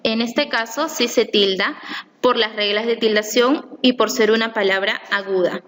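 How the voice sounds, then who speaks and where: A woman reading a scripted lesson aloud, slowly and carefully, stressing each syllable she explains. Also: on the high side, a bit bright. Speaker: teacher. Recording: long reverb, faint room noise.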